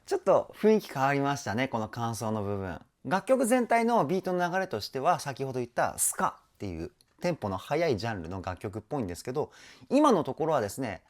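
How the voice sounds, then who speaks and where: A vocal coach with a mid-range, somewhat dark voice reacts enthusiastically to a song, casually explaining singing technique. Music plays in the background of the recording.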